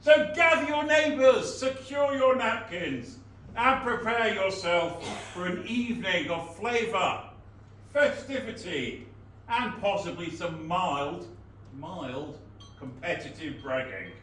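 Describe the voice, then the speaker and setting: A man playing a proud, theatrical town crier, making loud, pompous proclamations with drawn-out phrases. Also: sits high, animated, voice pushed up, full character voice. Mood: grand, jovial. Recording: very echoey hall, distant mic, faint noise.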